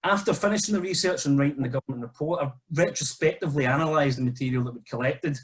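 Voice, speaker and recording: A man researcher presenting his paper at an online seminar in a relaxed, conversational way. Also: a little high, fast. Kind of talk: academic seminar talk.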